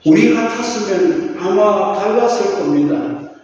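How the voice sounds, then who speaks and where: A man's voice: high voice, expressive, a little slow, a little mellow. A male pastor preaching a sermon in earnest, often stretching phrases into a sung, chanting cadence. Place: church sanctuary. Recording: distant, echoey church hall, dull sound.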